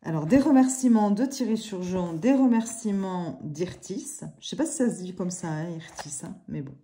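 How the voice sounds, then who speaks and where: A woman's voice: mid-range voice, lively intonation, brisk, mellow, a little hiss or hum. A woman casually reviewing an oracle deck at home, chatty, with many fillers and little apologies. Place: living room at home. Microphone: camera on a tripod.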